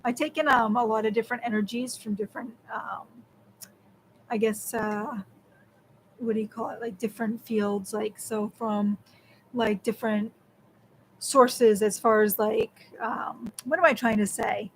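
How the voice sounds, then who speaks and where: A young woman co-hosting a casual live stream, answering slowly and searching for her words with many ums and likes. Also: a little high, fairly even intonation, a little hiss or hum, poor audio. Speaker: co-host of a witchcraft live stream.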